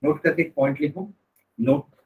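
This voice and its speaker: A man's voice: on the high side, fairly even intonation, moderate pace, phone-quality sound. A male teacher with an Indian accent dictating notes to a class, repeating phrases and spelling words out. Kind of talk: chemistry class dictation mixed with explanation.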